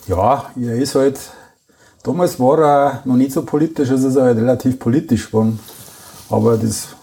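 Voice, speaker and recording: A man hosting a casual chat, speaking haltingly. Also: medium pitch, dark tone, slightly rough. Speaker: podcast host.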